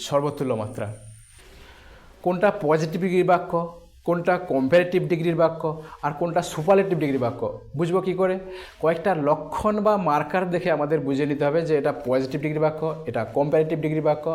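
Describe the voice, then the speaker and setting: A man with a fairly high voice teaches a grammar lesson. He takes it slowly, repeating each term and breaking words into syllables, and he asks questions and then answers them himself. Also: darkish tone.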